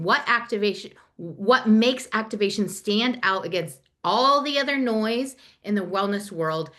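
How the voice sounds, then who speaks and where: A woman giving an excited, fast, chatty online presentation over a video call. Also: mid-range voice. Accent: Nebraska. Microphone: computer mic on a video call.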